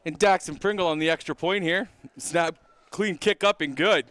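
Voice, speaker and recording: A man calling play-by-play from a stadium booth, upbeat and quick to laugh. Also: a little high, fairly bright tone, smooth. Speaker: play-by-play commentator. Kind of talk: live sports commentary. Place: press booth at an outdoor stadium.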